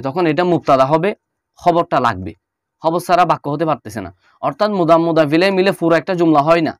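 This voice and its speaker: A man teaching Arabic grammar, going over on-screen notes and repeating each example slowly with fillers. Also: fairly high pitch, no echo, clean studio sound. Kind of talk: explaining on-screen notes in a lesson.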